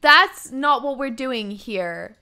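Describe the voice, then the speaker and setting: A woman streaming a game, bantering casually with friends in an animated, giggly, exclamatory way. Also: sits high, slow pace, clean tone.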